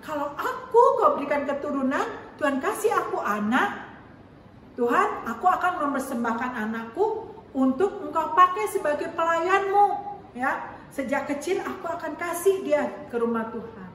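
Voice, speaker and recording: A woman's voice: high-pitched, lively intonation, normal speed, fairly bright tone. A tearful pleading mother, as a woman puts her on. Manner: earnest, pleading, on the verge of tears. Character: tearful pleading young mother praying for a child. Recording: very echoey room, distant mic, faint noise.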